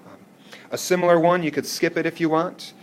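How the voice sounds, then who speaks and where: A man's voice: a little high, little pitch movement, fairly quick, a little hiss or hum. A man teaching an algebra class in a classroom, explaining step by step and often checking whether students follow. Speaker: math teacher. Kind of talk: classroom lecture.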